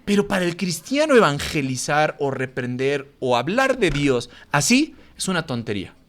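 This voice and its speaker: A man's voice: fairly high pitch, very animated, moderate pace. A man teaching a Bible class as a pastor, emphatic and scolding, full of rhetorical questions. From Mexico. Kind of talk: sermon-style Bible lesson.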